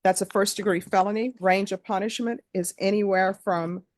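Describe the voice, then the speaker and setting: A woman speaking as a judge in court, reciting formal legal questions in a brisk, procedural, authoritative courtroom manner. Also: mid-range voice, steady tone. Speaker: judge presiding over a plea hearing.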